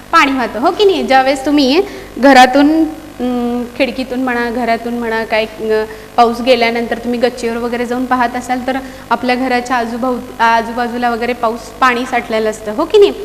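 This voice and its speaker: A woman teaching a children's poem to young pupils, asking many coaxing questions and slowly chanting rhyme lines for the class to repeat. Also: a little high, long reverb tail, slight background noise. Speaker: primary school teacher.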